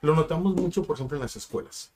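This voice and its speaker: A young Mexican man who works as a sign language interpreter guests on a casual podcast, telling stories reflectively and dropping in plenty of asides and fillers. His voice is fairly high and darkish in tone, and he talks fast.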